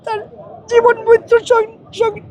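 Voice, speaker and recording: Bangladeshi woman crying hard while talking, really high pitched, pleading and stumbling over words. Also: little pitch movement, measured pace, a little mellow. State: crying, sobbing, tearful. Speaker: political party activist. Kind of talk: emotional spoken testimony to interviewer.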